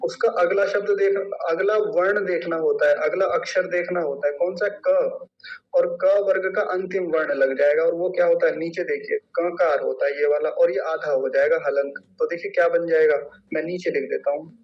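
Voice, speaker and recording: A man teaching Sanskrit pronunciation in an online class, drawing out each syllable slowly to demonstrate. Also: fairly high pitch, steady tone. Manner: slow, drawn-out syllable-by-syllable demonstration. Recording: distant, dull lo-fi mic.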